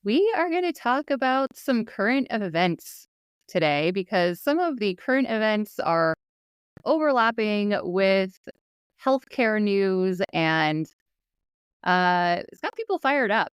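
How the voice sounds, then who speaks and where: Smooth-voiced woman podcast co-host. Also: medium pitch, very animated, takes it slowly, no room sound, studio quality. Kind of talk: casual podcast conversation.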